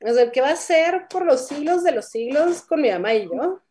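A woman co-hosting a casual chat, answering in a thoughtful, hesitant way with pauses. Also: sits high, expressive, warm tone. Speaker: co-host.

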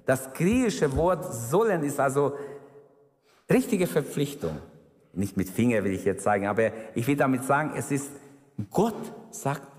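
A man's voice: mid-range voice, expressive, a little slow, darkish tone. Fervent male preacher in a reverberant hall. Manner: fervent, emphatic preaching with exclamations. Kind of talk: sermon.

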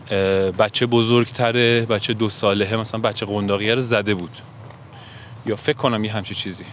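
A man's voice: mid-range voice, a bit bright, a little hiss or hum. A man speaking in a reflective monologue, earnest and musing, often asking himself questions. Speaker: self-help podcaster.

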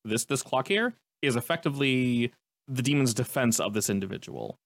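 A man's voice: medium pitch, animated, moderate pace, no room sound, studio quality. A man working as a game master, improvising descriptive narration and explaining the rules in a conversational way.

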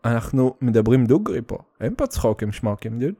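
Hosting his casual podcast solo, a Russian-accented man from the Soviet Union talks bluntly and swears a lot, rambling in fits and starts and dropping English slang. His voice sits in the mid range, mellow, with big pitch swings.

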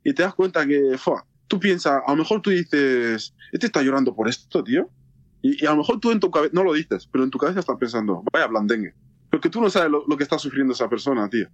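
Young male co-host, halting and candid, dull dry lo-fi recording. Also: fairly high pitch, animated, dry recording. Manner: halting, repeats words, candid. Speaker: podcast co-host. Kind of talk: casual chat.

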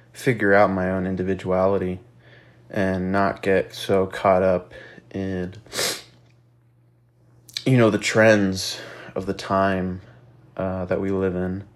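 Lowish-voiced young man with stuffy nose. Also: monotone, unhurried, pauses often. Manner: rambling and reflective, with many fillers and casual swearing. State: slightly out of breath. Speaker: podcast host. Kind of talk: casual solo podcast monologue.

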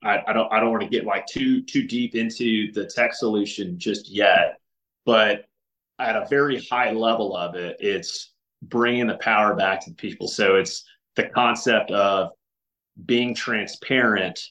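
A man's voice: lowish voice, unhurried, a bit bright, poor audio. A man as a podcast guest, talking earnestly in casual conversation with frequent restarts and filler words.

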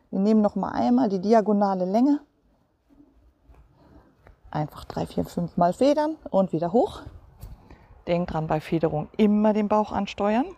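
A woman leading a guided movement session as a coach, giving calm step-by-step cues and counting repetitions. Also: medium pitch. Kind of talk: guided exercise instruction.

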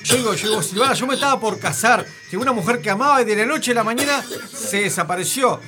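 Rambling, high-voiced man on radio. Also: expressive, fast talker, music in the background. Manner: rambling, emphatic storytelling with frequent filler words. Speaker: radio host. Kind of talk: casual radio banter.

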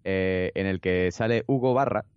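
A man's voice: low voice, moderate pace, clean tone, no room sound. A man co-hosting a podcast, chatty and enthusiastic. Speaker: podcast co-host. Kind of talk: casual podcast chat. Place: home, over a Skype call. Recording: dry, slightly dull call audio.

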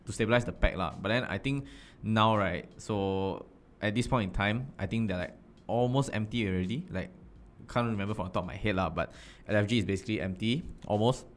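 A man with a Singaporean accent explaining things casually and a little haltingly, ending phrases with "lah". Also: fairly low pitch, a little hiss or hum. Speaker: panelist.

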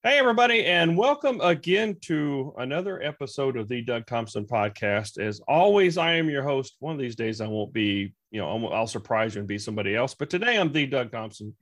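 A man hosts his own podcast in a loose, joking way, wandering off on tangents and stumbling into restarts. His voice sits at a middle pitch for a man. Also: animated, fairly quick, hardly any pauses, fairly bright tone. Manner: rambling, joking, repeated restarts. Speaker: podcast host. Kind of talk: casual interview conversation.

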